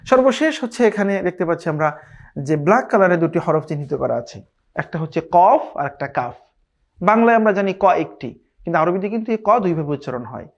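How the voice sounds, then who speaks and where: A man with a Bangladeshi Bengali accent teaching Arabic letter pronunciation in an online lesson. He speaks slowly and patiently, repeats each sound several times and often pauses on a drawn-out "ah". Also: sits high, expressive, dull audio. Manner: frequent drawn-out "ah" fillers. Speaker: Quran recitation teacher.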